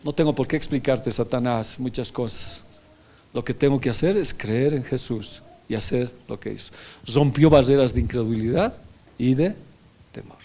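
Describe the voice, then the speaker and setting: A male pastor preaching a sermon, telling a story and acting out the dialogue, then building to loud, emphatic preaching. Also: medium pitch, moderate pace.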